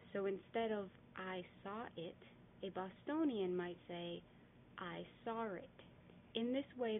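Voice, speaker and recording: A woman reads a scripted lesson on accents in a clear, deliberate manner, stretching out example words. Her voice sits in a middle range. The sound is narrow and phone-like, with a faint hiss underneath. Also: medium pitch. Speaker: narrator explaining a dialect. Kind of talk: scripted educational narration. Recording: lo-fi phone-like audio, faint noise.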